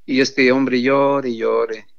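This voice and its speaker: Earnest guy telling a testimony to his "brothers", repeats a lot, normal pitch, dull lo-fi sound. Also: level tone, extremely slow, creaky. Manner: earnest, repetitive, addresses listeners as brothers. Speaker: pro-life sidewalk counselor giving testimony. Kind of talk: testimonial storytelling to a congregation. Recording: dull lo-fi recording.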